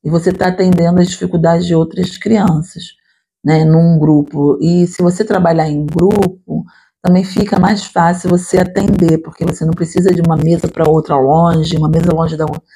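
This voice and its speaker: A woman's voice: lowish voice, steady tone, normal speed, dark tone, a little hiss or hum. A woman teacher, explaining her classroom work in a lecture and checking in with listeners as she goes. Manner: explanatory, addresses listeners directly with frequent "tá?" and "né?".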